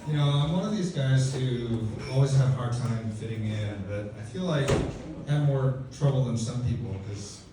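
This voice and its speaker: Heard through a distant mic in an echoey club with heavy background noise and audience laughter, this mid-range male voice moves at normal speed. He's a Texan in his fifties doing stand-up, rambling through self-deprecating, dry anecdotes with plenty of fillers.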